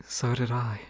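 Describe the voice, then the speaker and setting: A man plays a bashful young crown prince in an intimate fantasy audio drama, a romantic roleplay. His mid-range, slightly rough voice moves at an unhurried, lingering pace, tender and lovestruck. He keeps it soft and close, often slipping into a hushed whisper.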